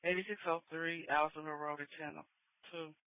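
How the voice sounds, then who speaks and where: A man's voice: fairly high pitch, flat delivery, fast, clean tone, no room sound. A male police dispatcher heard over a police radio transmission, calling out unit numbers and addresses in a clipped way and repeating each one. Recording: dull lo-fi radio scanner audio.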